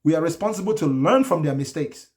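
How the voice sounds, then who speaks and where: A man hosting a live call-in talk show, brash and animated, laughing often as he riffs on callers. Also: a little high, quick pace. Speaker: host. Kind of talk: casual live call-in chat.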